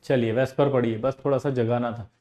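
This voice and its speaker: A man's voice: mid-range voice, steady tone, brisk, warm tone. A male chemistry coaching teacher, lecturing, teasing and scolding students while explaining with examples. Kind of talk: classroom lecture.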